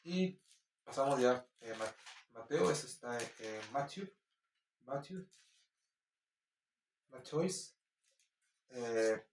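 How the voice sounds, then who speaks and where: A man with a Peruvian Spanish accent, slowly reading Bible verses and commenting on them informally, with halting restarts. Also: medium pitch, lively intonation, slight background noise. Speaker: Bible teacher. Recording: roomy echo, distant mic.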